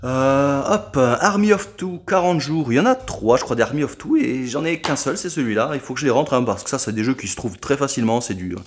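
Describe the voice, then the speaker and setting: A man's voice: mid-range voice, animated, fairly quick, hardly any pauses. A man casually chatting at home, showing off games he collected, with lots of fillers and asides. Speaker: game collector showing purchases.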